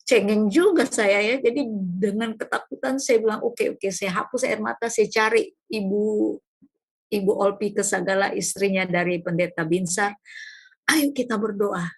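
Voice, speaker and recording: A woman pastor tells a personal prayer testimony in an easy, conversational way, tossing in little tag questions. Her voice sits at an ordinary middle pitch with a husky, breathy grain. She comes across as someone simply talking to a congregation watching online. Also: normal speed. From Indonesia. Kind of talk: devotional talk with personal testimony.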